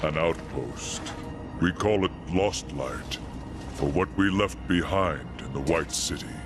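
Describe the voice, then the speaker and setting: Over music, an actor with an extremely low, slow male voice plays a solemn angel warrior guarding an outpost of light in a fantasy game. He speaks formally and with measure.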